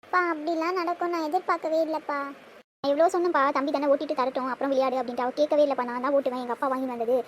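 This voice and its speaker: A woman's voice: sits high, fairly even intonation, racing, a little hiss or hum, close to an everyday voice. A woman voicing a young village schoolgirl in a cartoon, explaining herself plaintively to her father.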